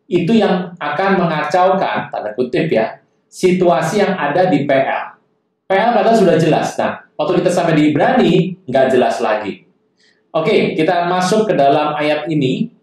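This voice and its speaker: Male preacher, Bible teaching, talks straight to the congregation, booming hall echo. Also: a little mellow. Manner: addresses listeners directly, reads scripture aloud. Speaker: pastor. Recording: echoey distant church hall sound.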